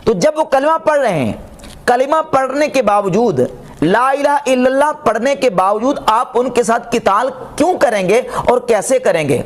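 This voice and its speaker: High-pitched man delivering a rebuttal lecture. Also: animated, normal speed. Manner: argumentative, rhetorical questions, quotes Arabic. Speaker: religious scholar reviewing a speech. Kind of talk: polemical religious lecture.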